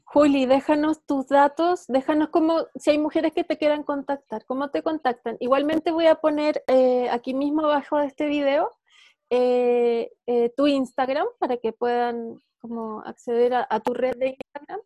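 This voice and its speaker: A woman hosting an interview who speaks gently and gratefully, with hesitant fillers. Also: high-pitched, steady tone, moderate pace, no room sound, rough recording. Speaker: host. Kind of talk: interview host.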